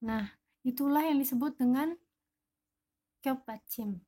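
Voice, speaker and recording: A woman's voice: high-pitched, takes it slowly, warm tone. A woman teaching a language lesson, patiently explaining each example word one by one.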